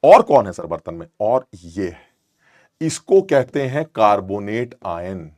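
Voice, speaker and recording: A man's voice: lowish voice, very animated, slow pace, darkish tone, no room sound, studio quality. A man giving an online chemistry lecture in a playful way. He keeps asking the class questions and acts out little back-and-forths between teacher and student. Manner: switches between teacher and student voices in dialogue.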